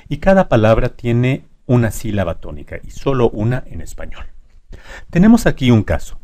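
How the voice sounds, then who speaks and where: A man's voice: lowish voice, mellow. A man teaching a lesson, stressing syllables emphatically and drawing out example words. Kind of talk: explanatory lesson.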